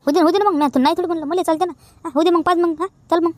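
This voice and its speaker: A woman's voice: very high-pitched, steady tone, racing, no room sound. A woman with a Vidarbha Marathi accent playing a bossy village woman in a rustic comedy sketch.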